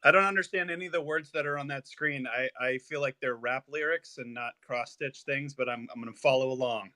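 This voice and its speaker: A man's voice: mid-range voice, fast talker, crowd noise. A man chatting as a guest on a casual livestream, full of joking, self-deprecating banter.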